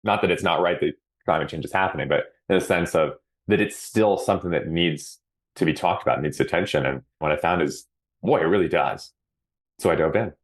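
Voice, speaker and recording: A man from Hawaii with a notably low, deep voice, speaking as a podcast guest. He sounds earnest and reflective, stretching out the words he wants to stress. He is middle-aged and relaxed in a casual interview. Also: fairly quick.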